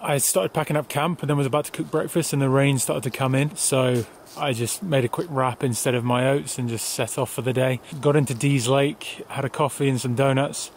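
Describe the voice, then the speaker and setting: A tired young man, a touring cyclist, chatting casually to his camera outdoors by a highway and laughing often. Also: steady tone, brisk, hardly any pauses, a little hiss or hum. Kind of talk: casual video diary.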